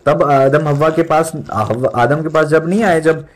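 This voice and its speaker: A young male pastor in his twenties delivers a sermon with real emphasis. He drops English words into his speech and hammers points home by repeating them. His voice sits a little higher than most men's. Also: moderate pace, a little hiss or hum. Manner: emphatic preaching, repeats lines for stress.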